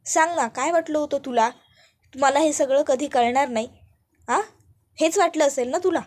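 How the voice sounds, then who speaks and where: A woman voicing a furious young man in a serial recap, shouting accusations and demanding answers. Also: fairly high pitch, brisk, close to an everyday voice.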